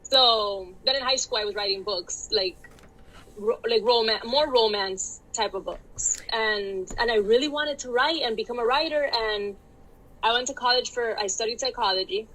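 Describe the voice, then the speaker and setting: A woman born in the Dominican Republic chats casually as a guest author in an interview, laughing often, her English carrying a Miami Cuban-inflected accent. Her voice is fairly high and sharp in tone at a moderate pace, and the recording is rough.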